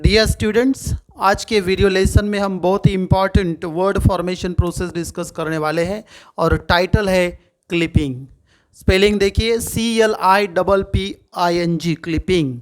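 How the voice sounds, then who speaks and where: A man's voice: high-pitched, steady tone, measured pace. A middle-aged man with an Indian English accent, teaching a video lesson in a mix of Hindi and English and asking himself questions as he explains. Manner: asks rhetorical questions and answers them himself.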